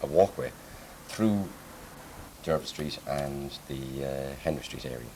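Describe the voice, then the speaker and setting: Extremely deep-voiced man. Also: a little slow, warm tone, poor audio. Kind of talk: interview explanation. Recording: faint background noise.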